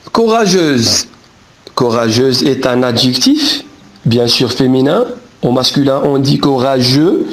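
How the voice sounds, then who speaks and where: A man teaching a French grammar lesson, spelling out word endings letter by letter and pausing to correct himself. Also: a little high. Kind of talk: grammar lesson explaining rules.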